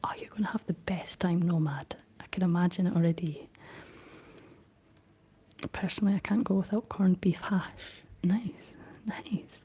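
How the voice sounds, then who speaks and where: This young Scottish woman's whispered ASMR stream is soft and relaxed as she chats through comments from viewers. Her husky voice is deep for a woman, her intonation fairly even, and a slight frog catches in her throat.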